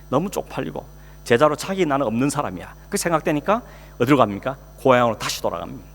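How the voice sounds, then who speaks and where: A male pastor preaching a sermon in a conversational way, asking the congregation questions and acting out quoted speech. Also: mid-range voice. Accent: Korean. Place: church sanctuary. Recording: long hall reverb, faint hum.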